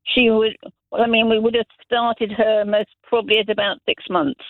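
A middle-aged Zambian man's high voice shows little pitch movement and moves at normal speed over a dry, tinny phone line with no room sound. Calling a radio show for casual chat, he tells long, rambling anecdotes and keeps restarting.

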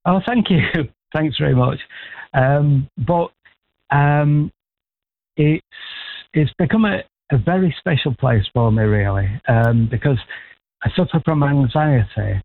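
A man's voice: on the high side, unhurried, vocal fry, long pauses. Older man on a tinny phone line. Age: 60s. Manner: hesitant, rambling, friendly. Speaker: caller. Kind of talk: casual phone-in chat. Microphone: telephone.

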